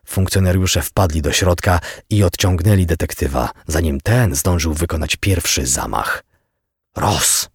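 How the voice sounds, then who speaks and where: Husky low-voiced male audiobook narrator. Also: normal speed, hardly any pauses, dry recording, clean studio sound. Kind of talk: scripted crime-novel narration.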